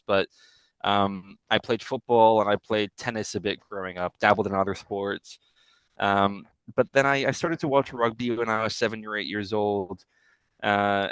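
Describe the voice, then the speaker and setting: A young man from Hong Kong speaks as a guest on a casual podcast, his voice sitting low. He goes on at length and corrects himself mid-sentence as he explains. The sound is dry, with no room around it. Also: smooth, dry recording, rough recording. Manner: expansive, talks at length with self-corrections. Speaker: guest, rugby player.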